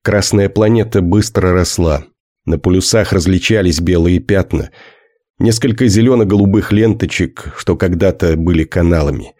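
Brief: male audiobook narrator, very low, measured delivery, dead-dry studio sound. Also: warm tone, no room sound.

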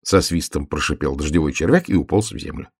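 A man narrating a storybook in an expressive, storytelling manner. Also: extremely low pitch, quick pace, breathy edge.

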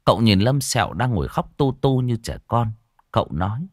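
A man narrating a ghost story with a vivid, lively storyteller delivery. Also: mid-range voice, fairly quick, dry recording. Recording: dry close voice recording.

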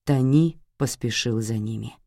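A woman narrating an audiobook in a measured, dramatic scripted reading. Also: extremely low pitch, a little mellow, no echo, clean studio sound.

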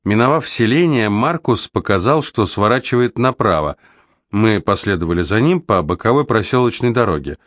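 A man reading a novel aloud as an audiobook narrator, in a steady, even storytelling manner. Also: lowish voice, normal speed, no room sound, studio quality. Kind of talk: scripted narration.

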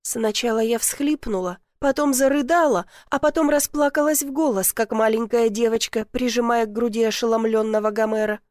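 A woman narrating a first-person audiobook in an emotional, expressive way. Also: fairly high pitch, normal speed, hardly any pauses, no echo, clean studio sound.

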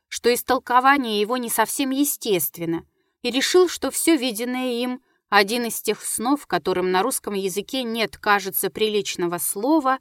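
A woman narrating a classic literary story in a measured, steady audiobook reading. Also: a little high, no room sound, clean studio sound.

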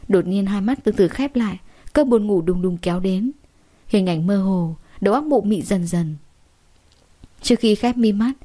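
Mellow-voiced woman narrating a story. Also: medium pitch. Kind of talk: first-person story narration.

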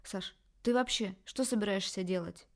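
A woman's voice: medium pitch, normal speed, close to an everyday voice. A woman voicing a worried, reproachful middle-aged mother in an audiobook. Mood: pleading. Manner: pleading, scolding, emotional. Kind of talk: audiobook character voice.

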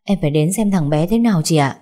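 A woman's voice: fairly low pitch, animated, fast, dark tone, lightly acted. A woman voicing a young mother who pleads urgently to see her son in a story. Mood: anxious.

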